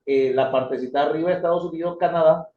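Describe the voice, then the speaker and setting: His voice on the high side, a man lectures fast in a theology history class, calling his students brothers and letting his pitch rise and drop with energy as he explains. A little hiss or hum runs through a dull, lo-fi recording made in an echoey room.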